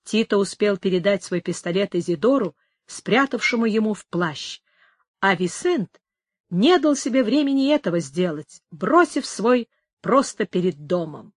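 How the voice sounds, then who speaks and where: A woman reading a story aloud as narrator, measured and steady. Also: medium pitch, no room sound. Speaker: audiobook narrator. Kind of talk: scripted narration.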